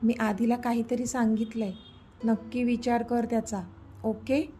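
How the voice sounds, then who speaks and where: A woman's voice: fairly high pitch, level tone, unhurried, mellow, a little hiss or hum, natural voice. A woman voicing a mischievous old grandmother who teases her grandchildren in a read-aloud story. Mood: sly. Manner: sly, teasing.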